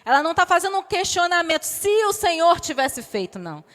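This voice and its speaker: A woman preacher giving a sermon, telling a Bible story with lively acted-out dialogue. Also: very high voice, fairly quick, big-room sound. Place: church.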